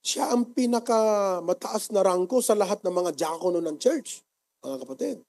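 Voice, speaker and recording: Man, Filipino accent, pastor, sermon, high-pitched, animated storytelling. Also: normal speed. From Philippines. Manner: storytelling, mixing Tagalog and English, lively bursts then soft asides.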